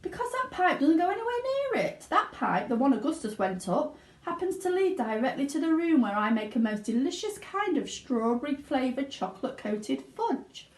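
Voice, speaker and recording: An eccentric, excitable gentleman factory owner from a storybook, voiced by a woman. He is fussy and exclamatory, with a high, lively pitch, heard in an echoey room. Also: normal speed, hardly any pauses. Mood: emphatic. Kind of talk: children's storybook reading. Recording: roomy indoor echo.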